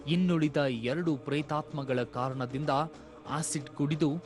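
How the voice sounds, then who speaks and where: Man, formal TV voice-over, measured delivery, faint music underneath. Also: on the high side, steady tone. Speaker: narrator. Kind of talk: scripted TV narration. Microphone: studio voice-over.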